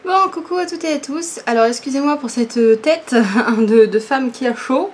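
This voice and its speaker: A woman vlogger chatting casually to camera in a hesitant way with drawn-out fillers, an electric fan running nearby. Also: sits high. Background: electric fan running right beside her.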